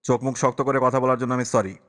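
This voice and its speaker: A man's voice: mid-range voice, flat delivery, fast, a bit bright, close to an everyday voice. A man playing a grave, protective young uncle. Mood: earnest. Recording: long reverberant echo.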